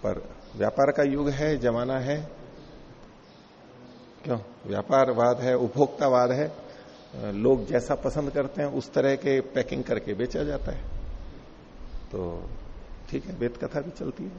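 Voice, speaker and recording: Gravelly older-style teacher in echoey hall. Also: male voice, mid-range voice, a little slow, pauses often, a little mellow, muffled recording, a little hiss or hum. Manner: explanatory, laughs along with class. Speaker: teacher of scripture. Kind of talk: classroom lecture on scripture. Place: lecture hall.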